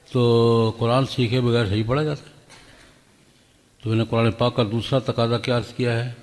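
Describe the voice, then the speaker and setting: An older man from Pakistan, preaching at a graduation ceremony in a folksy way, with stories and rhetorical questions. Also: medium pitch. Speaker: religious scholar. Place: large hall. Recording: long hall reverb.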